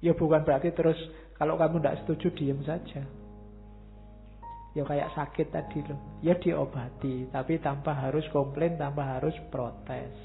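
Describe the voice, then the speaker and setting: Gravelly man lecturing. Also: on the high side, fairly even intonation, normal speed. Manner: conversational, asks the audience rhetorical questions, homely examples. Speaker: philosophy lecturer. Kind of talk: casual religious philosophy lecture. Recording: tinny lo-fi recording with faint music behind.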